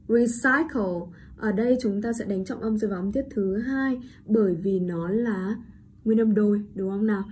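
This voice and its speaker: Vietnamese-accented woman, English teacher, slow repeated words, rhetorical checks, faint hiss. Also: mid-range voice, warm tone. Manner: repeats each word slowly, then explains with frequent rhetorical checks. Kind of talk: online pronunciation lesson.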